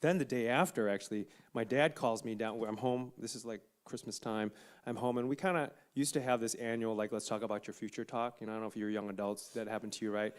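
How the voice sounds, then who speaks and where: Low-voiced man telling a personal story. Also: fairly even intonation, fast. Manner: earnest storytelling, acts out quoted parents. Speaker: panel guest.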